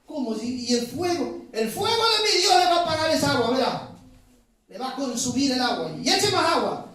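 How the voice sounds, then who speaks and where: Preacher doing defiant older prophet, high-pitched, heard from across the church. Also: male voice, sing-song, fairly quick, a bit bright, full character voice. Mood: confident. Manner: taunting, commanding, raises pitch. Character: bold older male biblical prophet, defiant. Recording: echoey church hall from far off.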